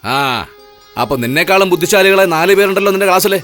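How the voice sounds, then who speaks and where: A stern magistrate father scolds his family in a forceful, quick voice. Soft film music runs underneath. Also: high-pitched. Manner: harsh, scolding. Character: stern, short-tempered father who is a magistrate. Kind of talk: film dub dialogue.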